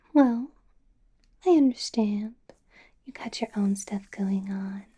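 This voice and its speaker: Slow and husky, a mid-range female voice whispers softly and unvoiced as a possessive vampire boss in ASMR roleplay. The mood is sweetly menacing: sugary on top, threatening beneath.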